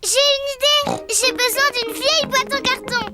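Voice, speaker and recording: A woman's voice: extremely high pitch, steady tone, moderate pace. A woman voicing Peppa Pig, a cheeky, bossy little girl piglet in a children's cartoon, giggling as she talks. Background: children's cartoon music.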